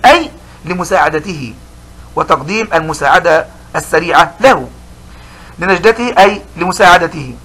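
High, bright-voiced man teaching a lesson. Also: poor audio. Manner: slow, explanatory, repeats key words. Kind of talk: recorded school lesson.

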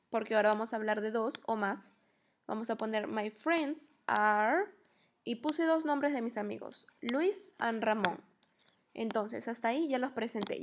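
A young woman from Peru teaching English to children in a lively online lesson, asking questions and slowing down to model each English phrase. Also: fairly high pitch, slight background noise. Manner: lively, questioning, slows to spell out English words.

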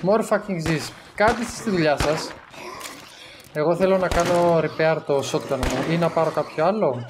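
A man's voice: fairly high pitch, background noise. Chatty man playing a game. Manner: chatty, joking, swears, mixes English game terms. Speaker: gameplay commentator. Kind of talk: casual Greek let's-play commentary.

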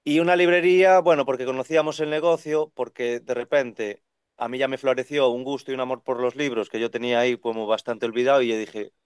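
Animated young bookseller, smooth dry voice. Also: male voice, medium pitch, quick pace, no room sound. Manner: animated, talks in long runs and acts out quoted voices. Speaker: second-hand bookseller. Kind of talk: casual conversational interview. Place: bookshop with full shelves behind. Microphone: video call webcam.

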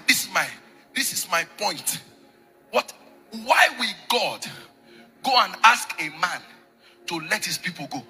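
A man's voice: sits high, pushed and bright. A man preaching a sermon, reading scripture aloud and calling out verses with emphatic stress. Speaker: pastor.

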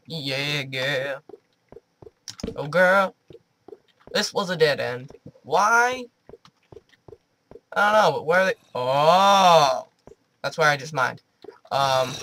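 A man's voice: a little high, lively intonation, slow pace, long pauses, sharp tone, slight background noise. A man doing let's play commentary, jumpy and chatty, talking to the creatures in his game. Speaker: gaming video host.

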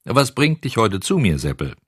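A man's voice: lowish voice, very animated, moderate pace, fairly bright tone, slightly rough, dry recording, studio quality, pitched above the performer's own voice, exaggerated voice. A man doing a blustering old carpenter. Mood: joking. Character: old male village carpenter, jittery, blustering.

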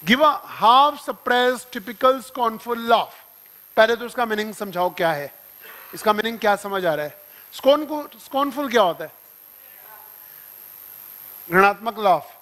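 A man with an Indian accent and a high, fairly bright voice teaches vocabulary in a classroom. He mixes Hindi and English, explaining words through playful examples and small acted-out scenes.

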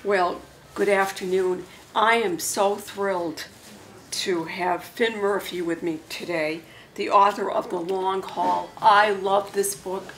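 A woman's voice: medium pitch, steady tone, slow, slight background noise, low-quality recording. Effusive older woman hosting an interview. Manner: effusive, gushing. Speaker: bookstore interviewer. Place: bookstore, seated in armchair.

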